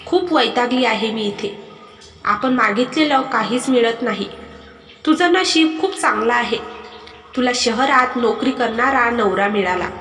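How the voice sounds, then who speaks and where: A woman voicing a demanding, sharp-tongued young village wife who complains and raises her voice. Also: fairly high pitch, lively intonation, measured pace. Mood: angry complaining. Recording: echoey hall with music behind.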